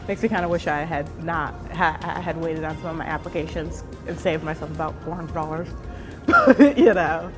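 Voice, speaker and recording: A young woman from Chicago, a law student, answering interview questions in a chatty, candid way. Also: deep voice.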